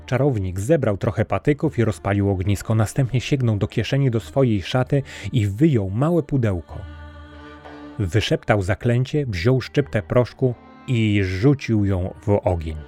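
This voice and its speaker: Deep, mellow male storyteller. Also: animated, measured pace, faint music behind. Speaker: narrator. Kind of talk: storybook narration.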